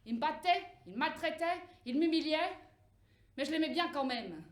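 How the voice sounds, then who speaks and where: A woman voicing a bitter, foul-mouthed rag doll that swears loudly, on a roomy stage. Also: lively intonation, moderate pace. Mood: cursing. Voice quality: shrill, swearing.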